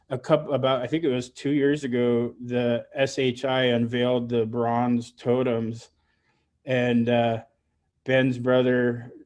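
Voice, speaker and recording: Emotional, halting middle-aged man. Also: mid-range voice, darkish tone. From Alaska. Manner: emotional, halting, many restarts. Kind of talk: heartfelt personal remarks on a panel.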